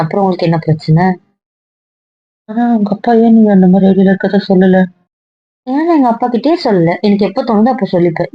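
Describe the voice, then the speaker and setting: A woman's voice: mid-range voice, dry recording, highs cut off. A woman acting in an amateur web series, speaking firmly and cuttingly.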